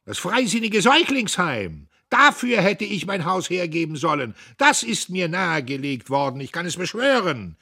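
A man's voice: sits high, sing-song, normal speed, creaky, few pauses, pushed and bright, breathy edge, voice pushed up, full character voice. A man voicing a bullying, cowardly man who bellows at a crowd like a barker, in a read-aloud novel. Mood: bellowing. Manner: bellowing, boastful.

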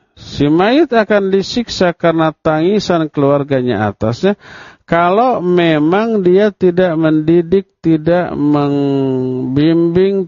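A man's voice: fairly high pitch, creaky, dry recording. A man preacher giving a religious study lecture. He poses rhetorical questions, answers them himself, and acts out what people would say. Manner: acts out quoted speech of the dead and the family. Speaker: Islamic preacher. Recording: dull, dry lo-fi lecture recording.

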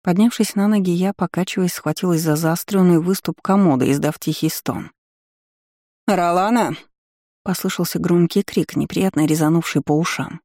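A woman reading a first-person novel aloud in an even, measured storytelling manner. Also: fairly low pitch, no room sound, clean studio sound. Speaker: audiobook reader.

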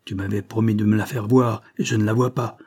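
A man's voice: on the low side, steady tone, fairly quick, darkish tone, slightly rough. A man reading aloud and voicing a big, violent convict who speaks bluntly and demands his way. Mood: demanding. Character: big, violent, hot-tempered male convict.

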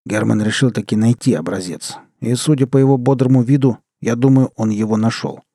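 A man's voice: mid-range voice, a little fast, mellow, dry recording, studio quality, close to an everyday voice. A man voicing a level-headed, practical man in an audiobook, speaking matter-of-factly.

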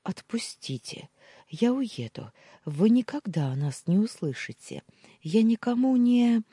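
A woman's voice: fairly high pitch, sing-song, measured pace, mellow, breathy edge, no room sound, studio quality, voice pushed up, full character voice. A woman voicing a frightened young woman held captive, tearful and begging to be let go. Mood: pleading. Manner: pleading, begging.

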